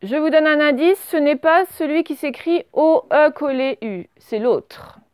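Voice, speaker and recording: Woman, French accent, primary teacher, careful dictation, very slow pace, dry close sound. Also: sits high, a little mellow, dry recording. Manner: slow, stretched-out dictation with spelled letters. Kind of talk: remote dictation lesson for young children.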